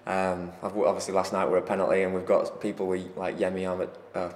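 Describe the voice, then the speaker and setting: A man, a footballer answering interview questions, talking haltingly and repeating words. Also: deep voice, completely flat delivery, slight background noise. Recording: echoey with faint ambience.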